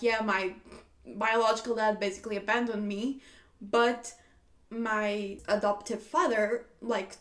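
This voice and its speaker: A woman hosting a casual reaction video, reading posts aloud and chatting with lots of "like" and frequent laughs. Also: on the high side. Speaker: YouTube host reacting to posts.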